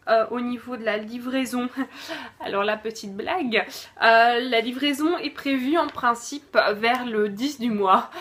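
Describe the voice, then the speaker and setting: Slow, hesitant woman unboxing. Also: fairly high pitch, a bit bright. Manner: hesitant, lots of fillers and self-corrections. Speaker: unboxing vlogger. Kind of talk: casual product review.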